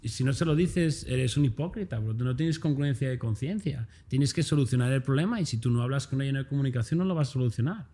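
A man's voice: mid-range voice, animated, fast, few pauses, warm tone. A man in his thirties with a Spain Spanish accent, a podcast guest telling his story bluntly and crudely and tagging his lines with "bro". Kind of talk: casual interview storytelling.

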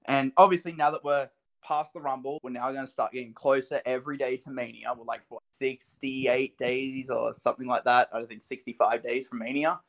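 A man co-hosting a casual podcast chat, excitable and animated, laughing often. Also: mid-range voice, fairly quick. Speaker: podcast co-host.

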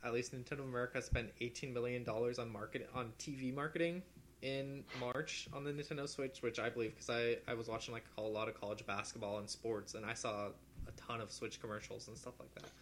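A man's voice: medium pitch, steady tone, fast talker, slight background noise. A man co-hosting a casual gaming chat, giving matter-of-fact opinions. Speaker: podcast co-host.

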